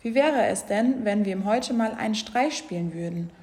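A woman voicing a group of excitable, gossiping elephants in a children's storybook reading. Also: mid-range voice, normal speed, big-room sound, close to an everyday voice. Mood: plotting.

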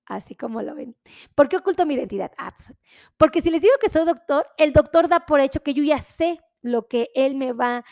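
A woman's voice: high-pitched, lively intonation, a little fast, mellow, no room sound, clean studio sound. A woman doctor, explaining health topics to viewers in a chatty, friendly way with many fillers.

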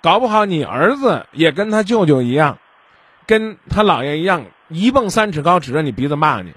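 Husky-voiced man lecturing a caller. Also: fairly high pitch, very animated, normal speed, a bit bright, no echo. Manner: lecturing, acts out little dialogues; keeps asking if the caller understands. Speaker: radio hotline host. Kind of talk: call-in advice show.

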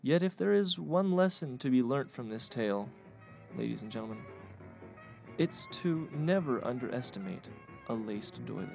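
A man narrating a mock-historical comic tale in a deadpan, mock-grand manner. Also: mid-range voice, normal speed, vocal fry, over loud music.

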